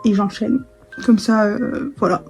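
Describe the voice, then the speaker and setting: A woman's voice: medium pitch, fairly even intonation, a little slow, creaky, darkish tone, soft background music. A young woman chatting casually to camera in a vlog, full of fillers and restarts. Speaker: vlogger.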